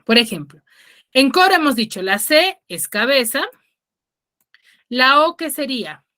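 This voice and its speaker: A woman's voice: high voice, very animated, measured pace, sharp tone. A woman teacher giving an online class, explaining patiently and checking on her students with frequent questions. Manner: patient, explanatory, stresses key words.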